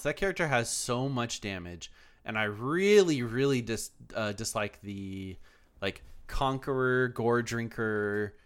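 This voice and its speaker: A male podcast host chats casually and reads listener emails, rambling with lots of fillers, restarts and the odd swear word. His pitch is fairly low, with a slightly bright tone.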